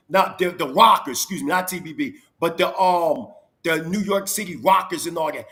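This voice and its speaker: A man's voice: high voice, pushed and bright. A man in his forties from Philadelphia, arguing his case in a heated debate, lecturing and insistently piling up examples. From Philadelphia, USA. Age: 40s.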